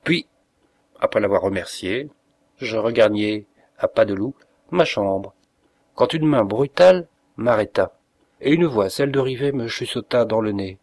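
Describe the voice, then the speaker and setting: A man reading a classic short story aloud as an audiobook narrator, in an expressive, measured way. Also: fairly low pitch, no room sound.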